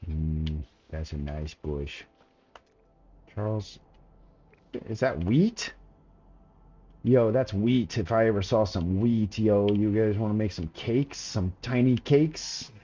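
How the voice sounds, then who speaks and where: Laid-back, mellow-voiced male game streamer. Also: fairly low pitch, slow pace, pauses often, highs cut off. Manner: laid-back, chatty, slangy, talks to chat. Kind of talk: casual gameplay commentary.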